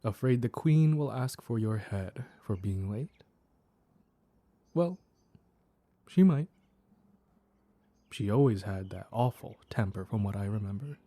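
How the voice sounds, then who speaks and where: A man voicing a mischievous, flirtatious mad cat in an intimate roleplay audio, teasing with coy pet names in a soft, husky purr. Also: on the low side, expressive, takes it slowly, long pauses, no echo, full character voice.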